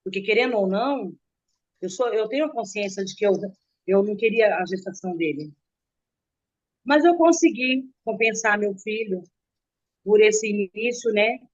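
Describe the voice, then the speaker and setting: A middle-aged woman telling a painful personal story in an interview, slow and earnest, often stopping and repeating words. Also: medium pitch. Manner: halting, with restarts and repeated words. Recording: dull, muffled recording.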